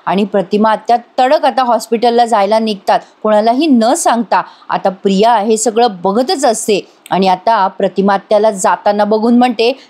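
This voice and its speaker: A woman's voice: fairly high pitch, normal speed, hardly any pauses, dark tone. A woman narrating a voice-over recap of a TV serial, chatting with her viewers and addressing them directly. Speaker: TV serial reviewer.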